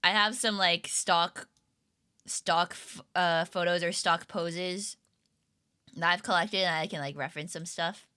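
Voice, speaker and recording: A woman's voice: fairly low pitch, fairly even intonation, a little slow, bright, forceful tone, clear, resonant tone. A young woman streamer chatting casually with her viewers, rambling and giggling with lots of fillers. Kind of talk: casual livestream chat with viewers.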